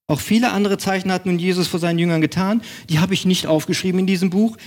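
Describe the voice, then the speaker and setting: A man's voice: high voice, steady tone, fast. A man preaching a sermon in German as pastor of his congregation, with an emphatic, repetitive cadence.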